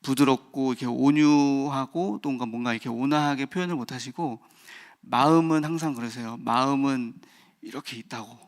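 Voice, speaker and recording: Pastor, male, thirties, at a dawn service; candid, personal delivery with frequent pauses and restarts. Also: medium pitch. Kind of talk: early-morning sermon.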